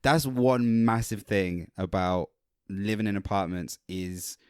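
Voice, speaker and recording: A man with a fairly low voice co-hosts a podcast in loose, rambling chat. He swears casually and keeps things relaxed. The recording is dry and close. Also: takes it slowly, clean tone, dry recording. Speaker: podcast co-host. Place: hot indoor room.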